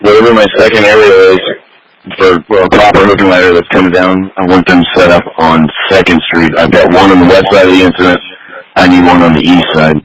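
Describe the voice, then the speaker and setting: A man's voice: low-pitched, level tone, fairly quick, poor audio. A man speaking as a firefighter incident commander in urgent, clipped commands over fire department radio. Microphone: two-way radio.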